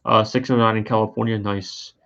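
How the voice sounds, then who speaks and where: Man, low voice, tired, yawning, rambling, hesitant, lots of fillers, casual live-stream commentary, dull lo-fi audio. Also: flat delivery, a little fast, creaky, a bit bright. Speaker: sports streamer.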